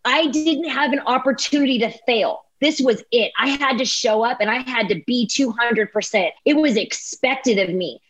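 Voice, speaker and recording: A woman in her forties, a business owner telling a personal story in casual conversation, animated and repeating phrases for emphasis. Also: a little high, moderate pace, hardly any pauses, slightly rough, dull audio. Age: 40s.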